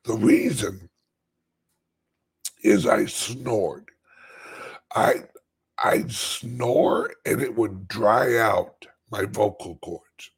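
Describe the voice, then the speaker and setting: A man with a lowish voice chats casually to his viewers, very slowly and haltingly. His voice is dried out and badly scratchy, a smoker's rasp full of gravel. He rambles along like a streamer talking to regulars. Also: expressive. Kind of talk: casual live chat.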